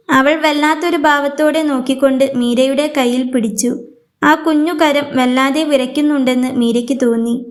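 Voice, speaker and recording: A woman narrating a storybook in a steady, measured reading. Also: high voice.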